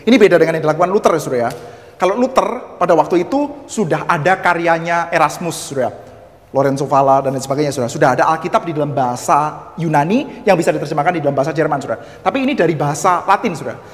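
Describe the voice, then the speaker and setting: A man with a Javanese-tinged Indonesian accent teaching church history, talking quickly in a fairly high voice. He keeps addressing his listeners directly and slips in humorous asides. The sound carries a long reverb, as in a hall.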